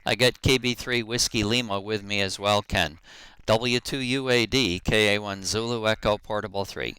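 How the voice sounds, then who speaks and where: A man's voice: on the low side, fairly even intonation, moderate pace, pushed and bright, a little hiss or hum, poor audio. Man making a ham radio call. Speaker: amateur radio operator.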